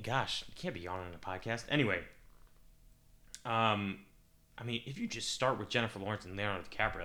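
A man's voice: low-pitched, bright, forceful tone. A young man hosting a podcast on his own, chatting casually and rambling, correcting himself as he thinks aloud. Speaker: podcast host. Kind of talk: casual solo podcast chat.

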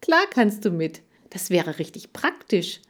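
A woman's voice: medium pitch, very animated, measured pace. A woman voicing a friendly, enthusiastic young boy.

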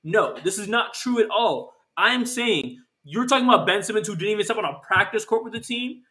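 A man co-hosting a sports podcast, arguing in fast casual chat and often cutting in and repeating himself. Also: high voice, animated, sharp tone. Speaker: podcast co-host.

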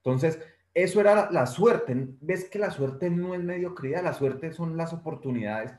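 A man's voice: on the high side, normal speed. A man, co-hosting a casual podcast conversation and telling anecdotes in a storytelling manner. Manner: storytelling, acts out quoted voices with lively shifts. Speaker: podcast co-host. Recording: roomy echo.

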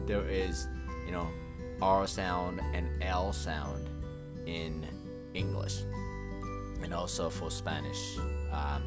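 Slow and deep-voiced, a native Japanese speaker teaches his language on a casual podcast lesson. He says words again slowly for learners and keeps asking "okay?"

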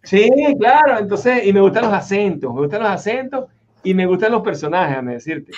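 The interview host, a man whose voice sits a bit high for a man, talks a little fast in a casual conversation recorded in his home office in Florida. He keeps restarting sentences and filling gaps as he rambles, over dull, lo-fi audio.

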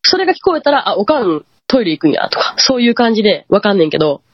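A woman's voice: mid-range voice, fast talker, husky, no echo. A woman with a Kansai accent casually telling a true ghost story, acting out the quoted lines. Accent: Kansai Japanese. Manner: animated, acts out quoted lines. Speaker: guest storyteller. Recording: dull lo-fi dry audio.

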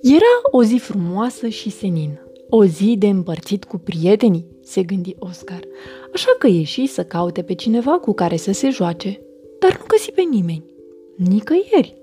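Brief: soothing bedtime storyteller, woman, mellow dark tone, soft music under. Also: mid-range voice, big pitch swings. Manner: gentle, soothing. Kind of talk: bedtime story reading for children.

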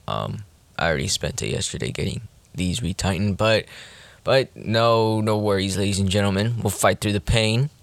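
A man's voice: on the low side, animated, normal speed, creaky, no room sound. A man hosting a casual solo podcast, informal and jokey, greeting the audience with showy announcer flair like a cruise director. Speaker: podcast host.

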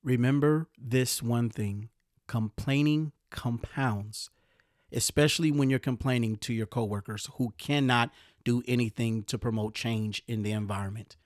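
A man hosting a podcast, giving motivational career advice in a lively, preachy way that sometimes gets riled up. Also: mid-range voice, moderate pace, no echo, studio quality. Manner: animated, gets riled up, mimics complainers. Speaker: podcast host.

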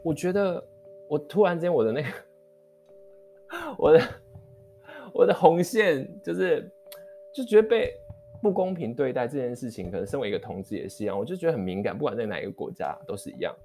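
A man, telling a heated anecdote in a storytelling vlog, quick and rambling with many restarts. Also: medium pitch. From Taiwan. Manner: animated, heated retelling of an anecdote. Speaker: vlogger. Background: faint guitar music.

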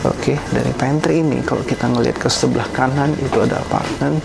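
A man's voice: fairly even intonation, fast talker, vocal fry. A man casually narrating each thing he does during a morning at the office, recorded indoors on a collar-clipped lapel mic. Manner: narrates each action as they do it. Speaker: vlogger. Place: indoors, office building with small rooms. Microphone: lapel mic clipped to shirt collar. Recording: noisy lapel recording with loud room rumble.

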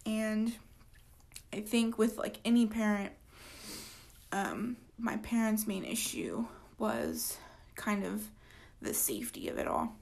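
A woman's voice: mid-range voice, animated, slow pace, creaky. Tired young woman rambling on a podcast. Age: 20s. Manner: rambling, filler-heavy, trails off softly. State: tired, yawning. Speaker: podcast host. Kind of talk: casual solo podcast chat.

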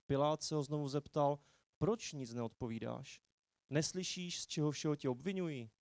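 A man reading a long scripture passage aloud in a church service, measured and expressive, lifting his voice for quoted speech. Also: mid-range voice, dry recording. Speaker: preacher. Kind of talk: Bible reading in a sermon. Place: church hall.

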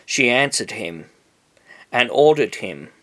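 Slow, solemn man reading scripture. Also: medium pitch, very animated, fairly bright tone.

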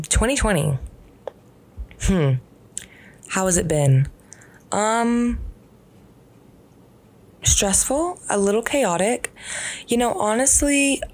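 A young woman hosting a casual solo podcast from bed at home, talking in a relaxed, rambling way with many fillers. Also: on the low side. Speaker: podcast host. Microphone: podcast microphone.

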